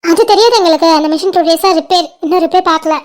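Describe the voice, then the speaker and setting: A woman voicing very high-pitched college girls. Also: very fast. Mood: embarrassed. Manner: pleading, affectionate, bossy with the boys. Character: chatty young college girls, worried friends. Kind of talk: cartoon voice acting.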